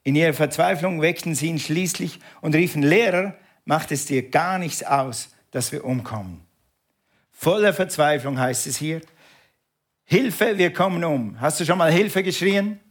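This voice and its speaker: A pastor preaching with energy and leading his congregation in call and response. His voice sits a little higher than most men's. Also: moderate pace. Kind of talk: sermon.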